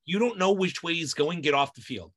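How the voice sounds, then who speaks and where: A man's voice: fairly high pitch, lively intonation, brisk, a bit bright. A man co-hosting a casual sports podcast, speaking in a heated, emphatic way. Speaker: podcast co-host.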